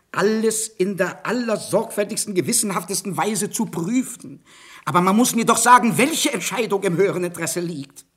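An actor playing an anxious, cornered judge in a radio play, stammering and pleading with rising panic, with a husky voice. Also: male voice, a little high, a bit bright. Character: anxious, cornered middle-aged male judge. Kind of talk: radio drama acting.

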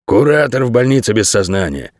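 A man's voice: on the low side, big pitch swings, fairly quick, darkish tone, dry recording, clean studio sound. Lenny, a man doing a brooding shepherd dog. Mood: gloomy. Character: lean male shepherd dog, gloomy and odd.

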